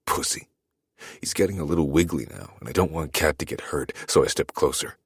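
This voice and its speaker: A man narrating a dark romance audiobook in the first person, in a brooding, measured way. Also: very deep voice, expressive, creaky, slightly rough, no echo, studio quality.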